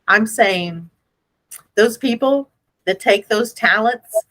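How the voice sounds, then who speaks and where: A woman host with a bright, punchy voice talks in a casual, motivational style. She takes her time, repeats phrases for emphasis and comes across as playful and a little self-deprecating. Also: medium pitch, slow. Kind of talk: casual business motivation chat.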